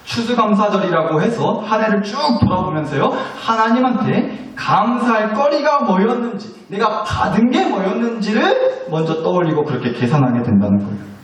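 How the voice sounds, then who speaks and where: A man's voice: high voice, lively intonation, moderate pace, few pauses. A male pastor preaching a sermon in a chatty, confessional way, joking with his congregation. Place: church sanctuary. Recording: echoey church hall, mic at a distance.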